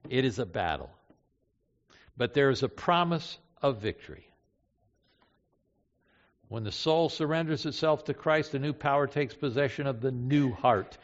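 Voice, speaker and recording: An older man preaching a sermon, telling a story with loud emphatic lines and hushed low ones. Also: expressive, measured pace, long pauses. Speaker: pastor. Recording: dull sound in a reverberant hall.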